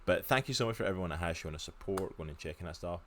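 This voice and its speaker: Deep-voiced Glaswegian man chatting eagerly. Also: animated, racing, fairly bright tone, a little hiss or hum. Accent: Glaswegian Scottish. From Scotland, near Glasgow. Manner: chatty and enthusiastic, lots of fillers. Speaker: podcast co-host. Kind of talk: casual podcast chat. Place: home room. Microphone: video call.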